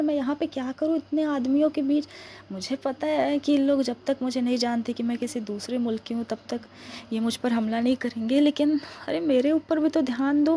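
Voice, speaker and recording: A woman's voice: high voice, mellow, a little hiss or hum, close to an everyday voice. A woman voicing a young woman stranded behind enemy lines in an ASMR role-play, grumbling to herself and pleading with stammers. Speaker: ASMR roleplay performer.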